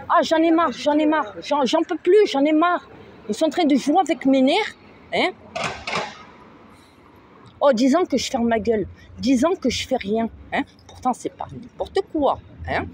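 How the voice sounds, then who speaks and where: A woman's voice: sits high, darkish tone, a little hiss or hum. A woman, ranting angrily to camera, heated and agitated, forever asking "hein?". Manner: agitated, heated, talks at the viewer with frequent "hein?". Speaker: mother vlogger. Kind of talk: angry rant to camera. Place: in a vehicle on the road.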